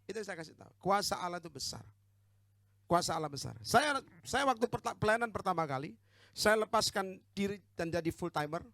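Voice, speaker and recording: An Indonesian man preaching with a high, bright, lively voice that leaps up and down in pitch. He calls for amens and teases his listeners, recorded dry and close. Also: brisk, dry recording. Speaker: pastor. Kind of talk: sermon.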